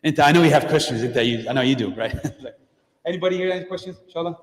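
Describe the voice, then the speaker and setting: Fast and animated, with a fairly high pitch, this middle-aged guest speaker talks plainly to a mosque community, often using fillers and restarting his sentences. It's an informal session with questions and answers, recorded in a hall with a long, echoing reverb.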